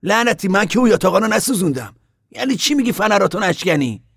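A quick-tempered young man bristles at every remark, as a male reader acts him out. His voice sits high and strained, gravelly and a little husky, pushed loud in a dry close recording. This is audiobook character work. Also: no echo. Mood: indignant. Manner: indignant, shouting.

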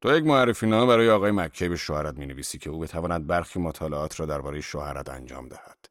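A man's voice: rumbling low, animated, no echo, studio quality, pitched below the performer's own voice. A man voicing an arrogant, brusque wealthy man who gives orders. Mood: mocking. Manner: commanding.

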